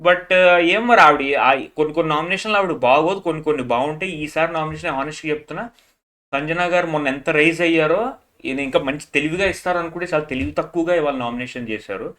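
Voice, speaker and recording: Animated man reviewing a reality show. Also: a little high, quick pace. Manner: animated, acts out quotes, mixes English phrases. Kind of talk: casual commentary review. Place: indoor room at home, tall chairs behind.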